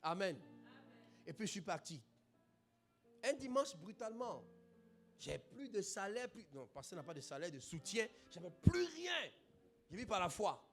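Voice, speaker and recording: A man pastor, preaching a testimony in an animated sermon, bursting into shouts. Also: high-pitched, moderate pace, creaky, pauses often, faint music behind. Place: church.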